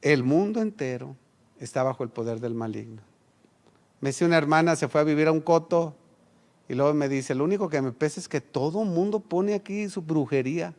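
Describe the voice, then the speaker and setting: A middle-aged Mexican pastor preaches in a slightly high, gravelly voice. He speaks with a Mexican Spanish accent and tells stories with animation, putting on the voices of the people he quotes. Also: a little fast, a little mellow. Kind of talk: sermon with personal anecdote.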